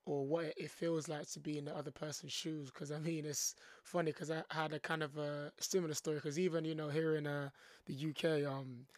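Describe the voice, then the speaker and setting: A man's voice: fairly high pitch, little pitch movement, brisk, no echo. A man hosting a podcast interview, affirming his guest often and repeating words as he gathers his thoughts. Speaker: podcast host, coach.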